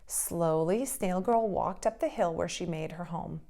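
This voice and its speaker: Preschool teacher reading a story to kids, expressive, low and gravelly. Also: female voice. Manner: expressive, slow storytelling pace. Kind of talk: children's story read-aloud.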